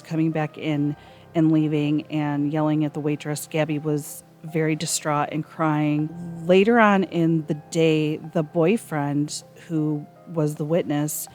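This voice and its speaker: A woman with a notably low voice walks through a case in a calm, conversational way. She pauses on an occasional filler as she goes. Soft music plays faintly underneath. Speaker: true crime commentator. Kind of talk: casual recap commentary.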